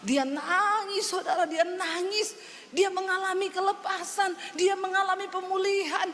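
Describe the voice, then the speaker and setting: A woman's voice: very high voice, fairly even intonation, measured pace, a bit bright. A woman pastor preaching a sermon in a church, telling a story with humor and acting out the people she quotes. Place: church hall with congregation. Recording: long reverb, faint background noise.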